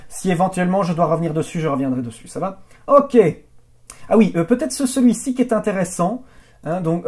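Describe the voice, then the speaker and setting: A man's voice: a little high, a little mellow. Male trainer, casual screen-tutorial delivery, lots of fillers and restarts, checks in with viewers. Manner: explanatory, halting with many fillers and restarts; addresses viewers directly with check-in questions. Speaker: video editing trainer. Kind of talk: screen-recorded software tutorial.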